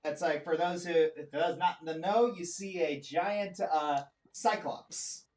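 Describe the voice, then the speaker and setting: Roomy distant sound, man, fairly high voice, game master, casual halting narration, repeated phrases. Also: fairly even intonation, darkish tone. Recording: roomy echo, off the mic.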